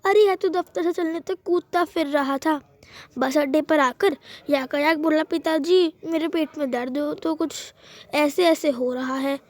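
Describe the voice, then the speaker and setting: A woman reading the lines of a father of a sick young boy, slowly and plainly. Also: sits high, fairly even intonation. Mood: recounting.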